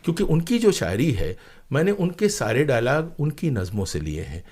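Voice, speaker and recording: The voice belongs to an Indian man, a playwright and former radio broadcaster appearing as an interview guest; it is medium-pitched, sing-song, slightly mellow and a little rough, at normal speed. His reflective, earnest stories feature emphatic repetition and rhetorical questions.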